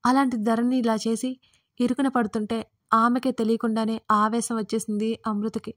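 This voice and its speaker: A woman reading a romance story aloud in a steady, soft-spoken narration. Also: fairly high pitch, moderate pace.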